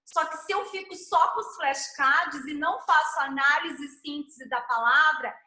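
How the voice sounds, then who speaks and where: Bright high-voiced Brazilian woman explaining. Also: moderate pace, roomy sound, rough recording. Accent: Brazilian Portuguese. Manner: explanatory, stretches sounds when modeling syllables. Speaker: educator teaching literacy methods. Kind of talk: online teaching chat.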